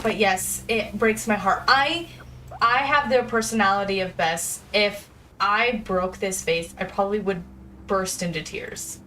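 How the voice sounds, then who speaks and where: A woman streaming a game, chatting casually and haltingly with many restarts. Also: medium pitch, a bit bright, recorded from a distance, slight background noise, poor audio. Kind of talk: casual gameplay chat.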